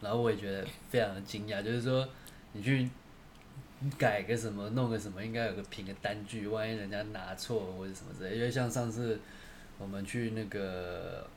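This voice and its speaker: A young man co-hosts a casual chat. He speaks in a measured, hesitant way, with pauses and fillers, over a faint hiss. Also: on the low side, steady tone. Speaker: co-host.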